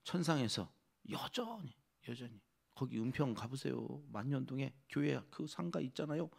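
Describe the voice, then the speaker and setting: A male pastor preaches an early-morning sermon in a church. He is lively and keeps putting questions to the congregation. His voice has a gravelly, creaky edge at an ordinary middle pitch. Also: normal speed. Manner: animated, asks the congregation questions.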